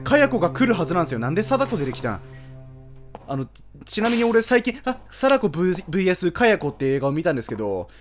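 A male let's-player narrating a horror game, his voice swinging from low mutters to loud shouts. He is jumpy, yelping at every scare and scolding the screen, with faint game music under him. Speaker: game streamer.

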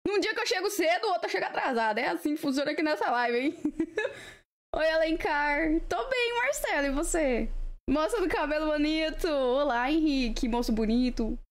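A woman's voice: high-pitched, lively intonation, normal speed. A Brazilian woman hosting a live stream, chatting casually with viewers in a playful, teasing way. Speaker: livestream host.

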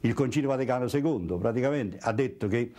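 A man's voice: mid-range voice, fast, dark tone. An older man with a Neapolitan accent, a priest answering in an interview. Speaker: priest and Bible translator. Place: indoor room, seated interview.

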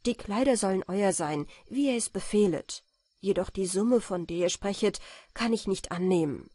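A woman's voice: mid-range voice, normal speed, dark tone, dry recording, natural voice. An earnest, noble-minded young apprentice, polite and grateful in his old-fashioned speech, as a woman reading a fairy tale gives him voice. The sound is dry and close to the mic. He stays modest and sincere.

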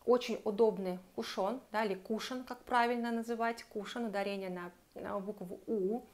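A woman's voice: medium pitch, steady tone, moderate pace. A woman giving a chatty, enthusiastic beauty product review and speaking straight to her viewers. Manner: chatty, enthusiastic, recommends warmly and addresses viewers directly. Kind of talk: casual product review to camera.

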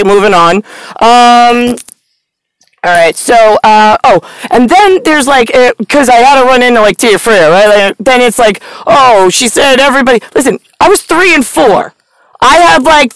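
Parked in her car at night, a vlogger in her forties talks to the camera from close range in a stream-of-consciousness ramble, blunt, sardonic and profane, her hands gesturing animatedly. Her voice is fairly high. The audio is poor, with no room sound.

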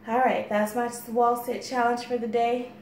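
A woman's voice: fairly high pitch, level tone, normal speed, darkish tone. American woman vlogging in an echoey room. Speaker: fitness vlogger. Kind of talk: casual chat to camera. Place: bare-walled room indoors. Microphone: phone camera a few steps away. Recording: echoey room with faint background noise.

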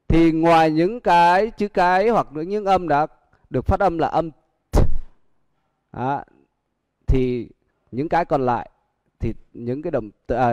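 A man's voice: mid-range voice, a little mellow, no room sound. A male teacher with a Vietnamese accent giving a livestream pronunciation lesson. He repeats each example word several times. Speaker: English teacher.

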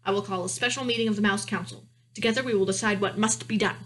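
A woman's voice: medium pitch, fairly even intonation, fast, a bit bright, lightly acted. Officious male mouse for a storybook woman performing: pompous, indignant, emphatic, full of his own importance. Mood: self-important. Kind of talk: children's storybook reading.

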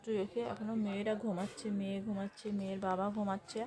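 A home vlogger with a sore throat from a cold chats casually as she does household chores, narrating her work as she goes. Her voice is mid-range and mellow, with a level tone and a fast pace.

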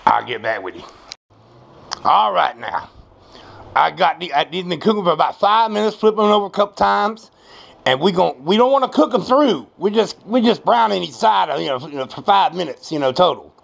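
A home cook with an American accent, his voice sitting high and a bit bright, shows off a recipe at a moderate pace with lively intonation. The off-the-cuff, folksy, salty-tongued demonstration, full of repetition, happens at the stove of a small kitchen, where frying, stirring, and clanking pans and dishes come through clearly.

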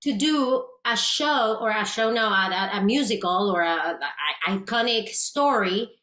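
This woman in her thirties speaks at a normal speed in a mid-range voice with a Puerto Rican accent; she is from Puerto Rico, Spanish is her first language, and she is a guest actress in a casual interview chat over video. Animated and gesturing freely, she restarts often. Her webcam picks up a roomy echo from the small indoor room with its plain grey wall.

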